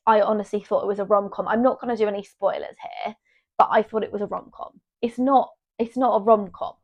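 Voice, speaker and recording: A woman's voice: medium pitch, creaky, dull audio. A young woman chatting casually to her camera as a vlogger, rambling and restarting her sentences. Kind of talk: casual chat. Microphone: small mic on her.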